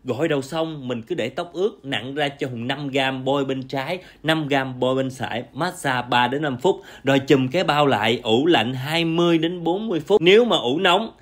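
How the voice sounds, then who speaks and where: A man's voice: mid-range voice, normal speed, few pauses. A young man, a salon owner narrating a chatty, instructive hair-care tutorial over the video. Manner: chatty, instructive, addresses viewers warmly as family.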